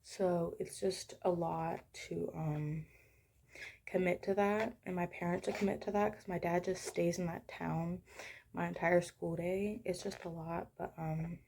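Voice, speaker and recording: Soft-spoken young woman, low and even. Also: a little slow, vocal fry, slight background noise. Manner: soft-spoken, sometimes hushed. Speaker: crochet vlogger. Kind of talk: casual crochet tutorial chat. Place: at home.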